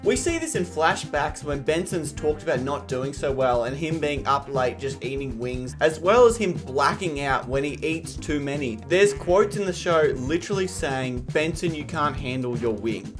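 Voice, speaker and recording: A young man recapping a cartoon series as a comedic YouTube host, jokey with sarcastic asides. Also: a little high.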